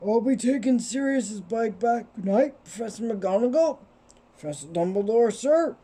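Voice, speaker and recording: Woman voicing a big soft-hearted male giant for a storybook reading: loud, emotional and stammering, in an altered timbre. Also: fairly high pitch, measured pace. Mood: tearful. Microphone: cell phone.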